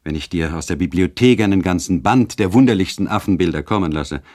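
Calm, soothing mother figure of noble rank, deep-voiced, read by a man. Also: brisk, dry recording, clean studio sound.

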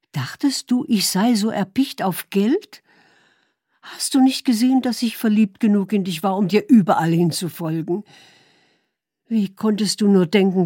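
A woman's voice: medium pitch, warm tone, husky, no echo, studio quality, pitched above the performer's own voice. A woman voicing a deceived young wife who heaps accusing, pleading questions on her husband.

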